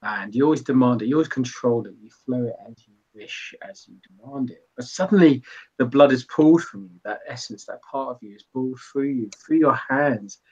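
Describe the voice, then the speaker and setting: A man narrating as game master in a tabletop game, describing scenes in an unhurried way with some hesitations. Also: mid-range voice, warm tone, breathy edge. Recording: dull lo-fi recording.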